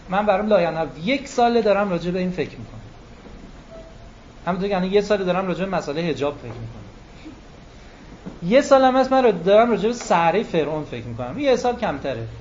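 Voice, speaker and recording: Man preaching, pretty high voice, animated, slows down and stretches words, kinda muffled lo-fi recording. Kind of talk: religious lecture. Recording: muffled lo-fi recording with faint room noise.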